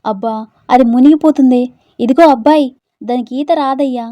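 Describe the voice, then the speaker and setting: A woman voicing a group of anxious young female friends who call out loudly and fret. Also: a little high, brisk, dry recording, lo-fi sound, lightly acted. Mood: fretful, loud. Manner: loud, fretful.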